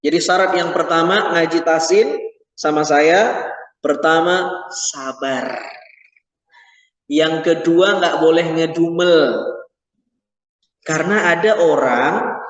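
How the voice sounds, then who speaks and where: A man with a high, lively voice leads an informal religious class, chatty and teasing his listeners. He sounds distant from the mic. A long, echoey hall reverb hangs on every word. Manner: chatty, animated, teasing the audience. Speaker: Quran teacher.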